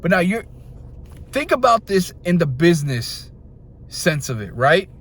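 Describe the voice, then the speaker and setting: Young male host, heated rant, slightly high voice, restless and jumping between points. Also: measured pace. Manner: frustrated, animated, jumps between points. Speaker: video host. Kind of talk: ranting opinion video.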